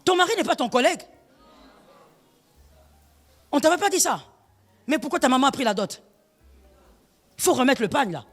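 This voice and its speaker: Preaching with emphasis, this woman pastor asks question after rhetorical question, mixes in bits of Lingala, and shouts when she reaches her climaxes. Her delivery is quick and sing-song, and she's in a large hall.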